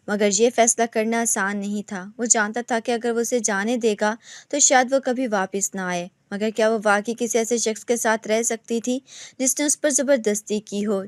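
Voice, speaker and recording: A woman reading a romantic novel aloud in steady scripted narration. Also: fairly high pitch, dry recording, clean studio sound.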